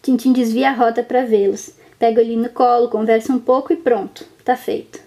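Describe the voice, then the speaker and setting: A woman, gently narrating a reflective personal story in short, lingering phrases. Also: on the high side, steady tone, brisk.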